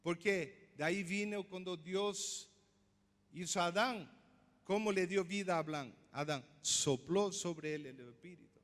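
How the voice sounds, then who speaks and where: A man's voice: sits high, unhurried, a bit bright. A man pastor preaching a sermon, teaching step by step and asking the congregation questions. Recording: long hall reverb.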